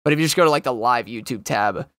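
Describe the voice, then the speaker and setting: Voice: mid-range voice, fast talker, no room sound. A young adult podcast co-host chatting casually, rambling and swearing often. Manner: rambling, swears a lot, breaks into loud goofy impressions. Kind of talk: casual chat.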